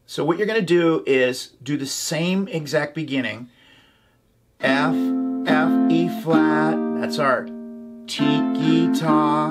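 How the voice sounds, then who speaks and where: A man teaching a ukulele tutorial, calling out chords and strums and chanting rhythm syllables. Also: a little high. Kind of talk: instructional tutorial. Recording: ukulele playing behind the voice.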